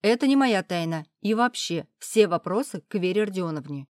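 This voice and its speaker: A woman voicing a blunt, sharp-tongued older woman who speaks loudly. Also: medium pitch, lively intonation, normal speed, dry recording, studio quality, lightly acted. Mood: defiant. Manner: loud, snorting, blunt.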